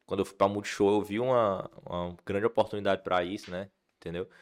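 A man's voice: low-pitched, fast. Guy, comedian, rambling storytelling w lots of fillers. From Ceará, Brazil. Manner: animated storyteller, many fillers and restarts. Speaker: comedian guest. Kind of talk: casual podcast chat.

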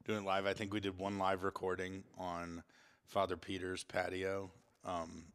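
A man with a fairly low voice hosts a casual podcast. He speaks in a large, reverberant space, so his words carry a long cave-like echo. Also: little pitch movement, normal speed, fairly bright tone, clean tone. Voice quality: echoey, cave-like sound. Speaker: podcast host. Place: large echoey room in a former monastery. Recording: echoey cave-like stone hall.

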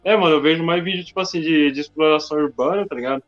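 A Brazilian man chats casually at a very fast pace in a high-ish voice, loaded with slang and fillers like "mano" and "tá ligado". The recording is dull and lo-fi, with faint music underneath.

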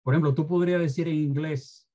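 A man's voice: fairly high pitch, fairly even intonation, fast talker, warm tone. A former Spanish teacher being interviewed, a man who speaks emphatically and lectures about careless language use. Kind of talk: interview, opinionated commentary on language.

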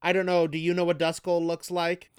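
A man's voice: on the high side, completely flat delivery, a little fast, clean tone, no room sound, clean studio sound. A man co-hosting a podcast, eagerly pointing out details and quizzing his partner. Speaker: podcast co-host. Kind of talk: casual podcast chat.

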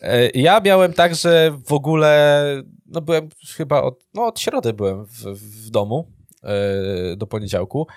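A young man in a casual podcast chat, his voice sitting a little high and animated as he jokes and laughs. The sound is dry and close with almost no room around it. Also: measured pace, no room sound. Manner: animated, joking, laughs often. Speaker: podcast co-host. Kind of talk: casual banter.

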